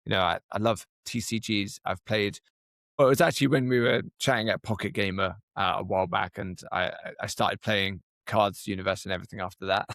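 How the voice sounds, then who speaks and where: A man's voice: fairly low pitch, steady tone, a little fast, fairly bright tone, no room sound, studio quality. A man in his thirties hosting a podcast interview, upbeat and chatty, encouraging his guests. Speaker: podcast host.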